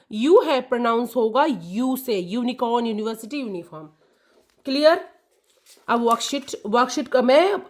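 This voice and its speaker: Lady teacher going over a grammar lesson for kids, talks slow, repeats stuff a lot, a bit high voice. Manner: repeats key words, checks "clear?" and "ठीक है". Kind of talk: explaining an English lesson to children.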